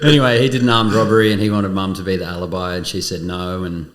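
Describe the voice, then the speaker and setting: Australian man, low voice, casual rambling chat, swears freely, echoey room. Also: fairly even intonation, fast. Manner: swears a lot, rambling storyteller. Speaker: podcast guest, musician.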